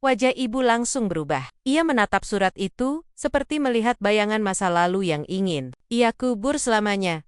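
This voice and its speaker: Smooth-voiced woman narrating a story. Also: medium pitch, moderate pace, no room sound, studio quality. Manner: steady, earnest storytelling. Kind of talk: scripted first-person narration.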